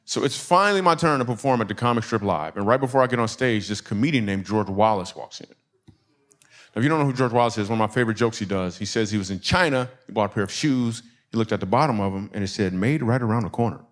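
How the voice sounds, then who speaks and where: A middle-aged man from Michigan doing stand-up storytelling, animated, acting out the voices of people in his story and laughing along with his own lines. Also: fairly low pitch, fast. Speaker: stand-up comedian. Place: comedy stage before a live audience.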